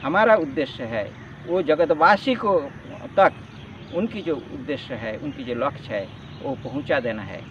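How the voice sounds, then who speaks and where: A man's voice: mid-range voice, animated, measured pace, far from the mic. A man teaching a spoken lesson on yoga in an earnest, explaining way, repeating key words. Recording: dull lo-fi sound with faint outdoor noise, off-mic.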